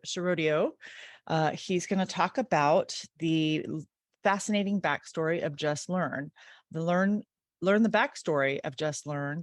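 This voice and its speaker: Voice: mid-range voice, no echo, clean studio sound. An event moderator introducing an online session in an upbeat, announcing way, with some fillers.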